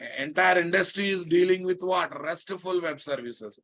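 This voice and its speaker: A man's voice: high voice, normal speed, fairly bright tone. A man with a Telugu Indian accent teaching a live online technical class as an instructor, repeating key phrases emphatically and often checking that students follow. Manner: emphatic repetition with frequent check questions to students. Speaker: programming instructor.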